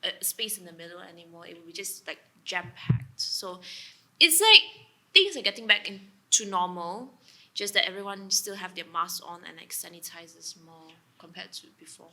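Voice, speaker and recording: Bright young Malaysian woman from Sabah. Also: on the low side, expressive, moderate pace. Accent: Malaysian English. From Sabah, East Malaysia. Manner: chatty, with fillers like "like" and "um". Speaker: guest co-host. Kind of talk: casual chat.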